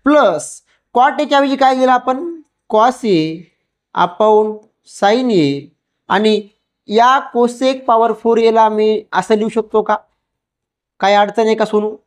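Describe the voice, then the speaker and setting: Female maths tutor, fairly high voice, unhurried, explaining gently to a child with reassuring check questions. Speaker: maths teacher. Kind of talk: step-by-step lesson, explaining to a child.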